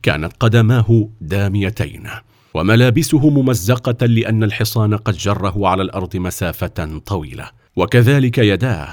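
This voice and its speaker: Low-voiced male storybook narrator. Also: expressive, moderate pace, a little mellow, dry recording, studio quality.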